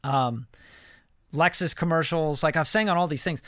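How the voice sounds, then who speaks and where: A man in his late thirties giving a casual live song critique as a music producer, animated and profane, full of "like" and "you know.". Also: a little high, normal speed, no room sound, studio quality. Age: late 30s. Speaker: music producer reviewing listener songs.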